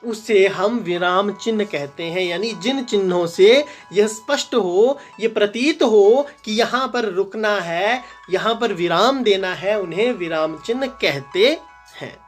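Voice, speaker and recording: A man's voice: high-pitched, measured pace, faint music behind. Man teaching Hindi grammar step by step. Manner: repeats and stresses example sentences, asks and answers own questions. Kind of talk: explanatory grammar lesson.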